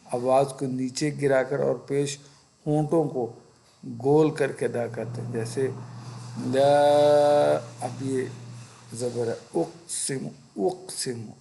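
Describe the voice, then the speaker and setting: Male Quran teacher, patient and deliberate, with a gravelly rasp and faint noise behind him. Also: mid-range voice, fairly even intonation, warm tone, low-quality recording. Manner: patient, deliberate, searching for words mid-sentence. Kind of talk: religious lesson, explaining step by step.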